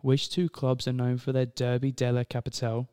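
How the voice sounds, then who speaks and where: A man co-hosting a casual podcast, reading out quiz questions with jokes and playful pauses. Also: mid-range voice, monotone, mellow, clean tone. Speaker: podcast co-host and quizmaster. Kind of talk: casual chat.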